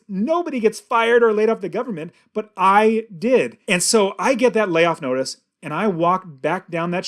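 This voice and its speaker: A middle-aged man with a fairly high voice tells a personal story straight to his listeners. He talks earnestly and vividly, leaning hard on key words. He speaks as the host of his own show. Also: fairly bright tone. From California.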